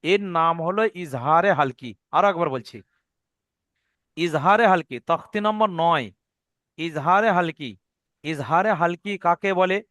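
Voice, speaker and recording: A man's voice: sits high, a bit bright, smooth, no room sound, clean studio sound. A man teaching Quran recitation rules in an online lesson, patiently repeating each rule and checking that his students follow.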